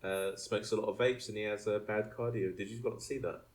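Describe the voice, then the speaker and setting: A man's voice: lowish voice, steady tone, brisk. A man co-hosting a podcast, teasing the others and breaking into giggles during casual chat. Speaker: podcast co-host.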